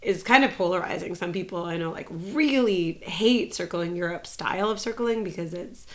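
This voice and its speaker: Low woman, reflective podcast guest, rambles thoughtfully with fillers. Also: moderate pace, a bit bright. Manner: reflective, thinks aloud with frequent fillers. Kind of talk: casual conversational interview.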